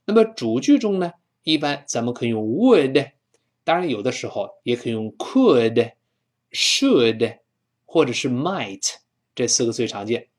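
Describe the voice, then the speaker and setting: Lively Chinese male English teacher. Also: mid-range voice. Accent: Mandarin. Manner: drills pronunciation, repeats words slowly for students. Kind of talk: language lesson.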